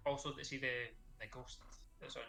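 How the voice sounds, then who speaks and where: A man's voice: medium pitch, flat delivery, fairly quick, vocal fry, a crowd in the background, poor audio. A Scottish man, a podcast guest, chatting in an easygoing, rambling way over a video call. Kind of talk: casual chat. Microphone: webcam video call.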